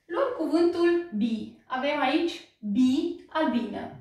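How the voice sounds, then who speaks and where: A patient woman with a Romanian accent leads a slow repetition drill and praises each answer warmly. Her voice is a little high, and it comes from some way off the mic in a very echoey room. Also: animated, recorded from a distance. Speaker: English teacher.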